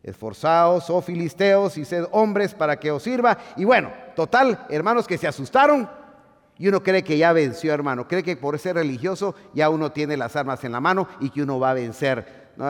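Male pastor, sermon, fairly high lively voice, long hall reverb. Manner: animated preaching, swings from shouting to hushed asides.

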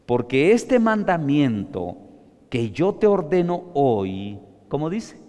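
A man preaching an emphatic sermon, reading scripture slowly and calling the listeners brother. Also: medium pitch, sing-song, darkish tone, long reverb tail.

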